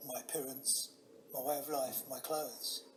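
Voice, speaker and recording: A man playing a gloomy, proud painter speaking quietly and formally, with faint hiss in the background. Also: medium pitch, fairly even intonation, unhurried, lightly acted, low-quality recording.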